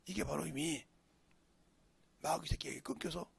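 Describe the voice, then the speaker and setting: A middle-aged male pastor preaching a sermon in a church, telling a personal story in a folksy way and swinging between shouts and hushed whispers. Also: a little high, moderate pace, vocal fry, breathy edge, dry recording. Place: church sanctuary.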